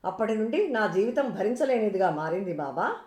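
A woman's voice: mid-range voice, very animated, a little fast, darkish tone, natural voice. A woman voicing a grieving, childless wife who tearfully pleads for help. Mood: pleading. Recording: roomy echo.

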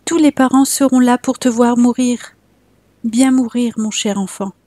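A woman's voice: fairly high pitch, steady tone, a little slow, dark tone, dry recording, voice pushed up. A woman voicing a tender, anguished mother in a storybook tale.

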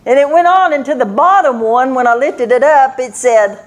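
A woman's voice: high voice, moderate pace. An older woman giving a folksy sermon, telling family stories and laughing often. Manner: folksy storytelling with frequent laughs. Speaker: church speaker.

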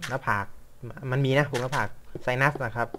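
Playing a game, a young male gaming vlogger keeps up a rambling, casual chat, mocking himself and grumbling at the on-screen action. He speaks fairly quickly in a medium-pitched voice with fairly even intonation, over some background noise.

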